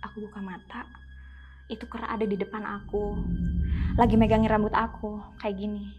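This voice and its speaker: A woman's voice: mid-range voice, level tone, normal speed, lo-fi sound, over music. A young woman, telling a personal experience in a casual chatty way, often addressing her listener and acting out what people said. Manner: acts out quoted speech with sudden exclamations. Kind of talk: casual spoken storytelling. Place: podcast studio.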